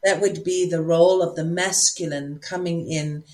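A woman's voice: lowish voice, fairly even intonation, normal speed, a little mellow. Reflective South African woman. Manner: reflective, searching for words. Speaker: spiritual teacher. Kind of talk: casual conversation.

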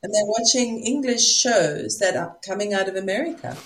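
A woman with a South African accent, speaking reflectively as a spiritual teacher in casual conversation, often pausing to find her words. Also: mid-range voice, lively intonation, a crowd in the background.

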